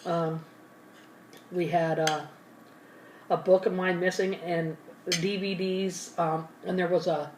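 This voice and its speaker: A woman's voice: lowish voice, flat delivery, takes it slowly, long pauses, a little mellow, far from the mic. A woman telling a story in loose, casual chat, stopping to eat and fixing her own details as she goes. She sits back from the mic in a roomy space, with a faint hum of ambience behind her. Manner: rambling, self-correcting, talks with mouth full. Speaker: ASMR channel host. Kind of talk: casual storytelling while eating.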